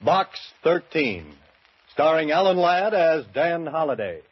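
A male announcer introducing a 1940s radio drama with a slow, booming delivery. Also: big pitch swings. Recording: dull vintage radio with music.

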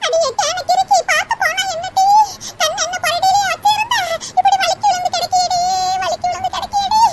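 A woman voicing a loud, scolding village mother-in-law who dotes on her daughter and berates her daughter-in-law, in a cartoon. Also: extremely high pitch, fairly even intonation, brisk, voice pushed up. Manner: scolding, sharp, theatrical wailing. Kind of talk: cartoon voice acting. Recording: loud background noise.

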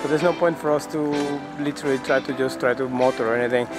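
A man in his forties vlogging casually on a sailboat, relaxed and matter-of-fact with slightly broken phrasing, filmed on a handheld camera. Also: medium pitch, fast talker, music in the background. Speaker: sailing vlogger, captain. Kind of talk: casual vlog talk. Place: outdoors on a sailboat in a marina. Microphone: action camera at arm's length.

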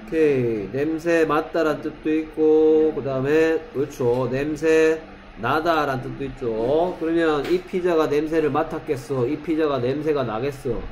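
Slow-talking man teaching a class. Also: on the high side, a little mellow, soft background music, poor audio. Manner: keeps checking understanding with short questions; reads English example sentences slowly for the class. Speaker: English teacher. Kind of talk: classroom lesson.

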